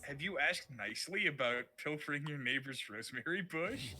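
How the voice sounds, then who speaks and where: Lively bright-voiced male caster. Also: fairly high pitch, normal speed, slight background noise. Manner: dry teasing, playfully formal phrasing. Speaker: esports shoutcaster. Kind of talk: casual esports commentary.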